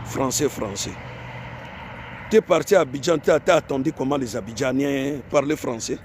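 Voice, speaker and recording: A man's voice: medium pitch, moderate pace, noisy background. A man from Africa in an emphatic, repetitive monologue to his viewers, full of rhetorical questions. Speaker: online commentator.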